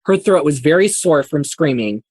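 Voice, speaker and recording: A man's voice: on the high side, animated, normal speed, a little mellow, slightly rough, no room sound. A man hosting a podcast, casually retelling old Hollywood stories. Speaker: podcast host.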